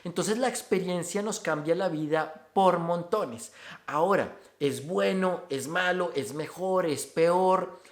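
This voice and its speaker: A man from Bogotá, Colombia, speaks slowly in a high voice, reflecting on migrant life in a casual opinion video. The sound is roomy, and he links his thoughts conversationally with "entonces".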